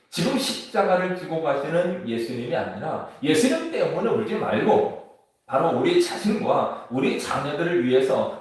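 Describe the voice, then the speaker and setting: A man's voice: fairly high pitch, a little mellow. Man preaching in a far-off, echoey church. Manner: measured preaching with scripture reading. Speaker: pastor. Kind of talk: sermon. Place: church sanctuary.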